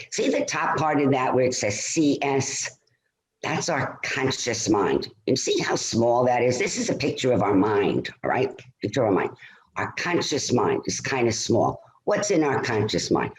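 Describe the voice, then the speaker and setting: A man presenting a stress-management talk on a video call, lively and conversational, often checking in with "all right?". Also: medium pitch. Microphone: computer mic on a video call. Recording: roomy video call audio.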